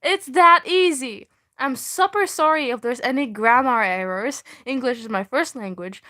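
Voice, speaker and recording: Reading her old fan fiction on a live stream, a young woman speaks at normal speed in a high, sharp voice. She keeps laughing, mocks herself with sweary asides, and often stops partway through sentences in this casual reading.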